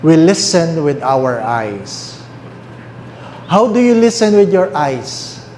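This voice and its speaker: Slow, mellow Filipino priest preaching. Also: male voice, a little high, lively intonation. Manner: mixes English and Tagalog, asks the listeners questions; repeats key phrases slowly. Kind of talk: sermon. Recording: roomy echo, faint background noise.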